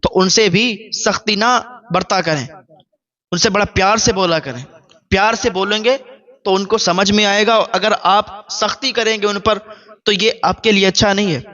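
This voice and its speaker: Forceful high-voiced male preacher. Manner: repetitive, earnest moral exhortation. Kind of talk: sermon with storytelling. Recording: dull, muffled recording.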